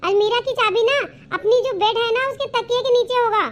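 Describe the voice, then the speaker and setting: Cartoon role: a woman doing a meddling young sister, very high voiced, chatty and sweetly pushy. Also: fairly even intonation, fairly quick. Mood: coaxing. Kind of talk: cartoon voice acting.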